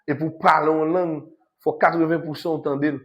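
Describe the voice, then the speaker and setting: A man's voice: a little high, fairly even intonation, normal speed, fairly bright tone. A man with a Haitian accent giving a university lecture, switching between French and Creole and repeating key points with emphasis. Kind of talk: classroom lecture.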